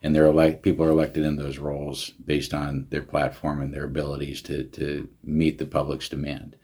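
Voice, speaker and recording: A man's voice: very deep voice, monotone, moderate pace, a little mellow, husky. A man, a county veterans service director, talking earnestly in an interview with frequent restarts. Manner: earnest, many restarts and fillers. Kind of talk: casual interview talk.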